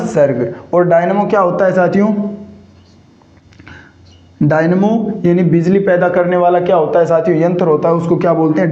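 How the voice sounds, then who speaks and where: A man's voice: a little high, mellow. Man teaching, quizzing his class. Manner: repeats rhetorical questions to students. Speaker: English grammar teacher. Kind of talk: classroom lecture. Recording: echoey dull lo-fi room sound.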